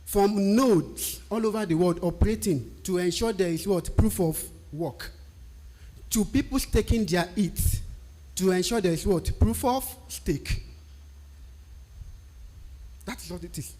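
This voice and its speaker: Speaking English as a non-native speaker whose first language is Nigerian, a man with a Nigerian accent explains technical writing in a live stream, frequently asking himself questions and answering them. His high-pitched, warm voice is a little slow and pauses often.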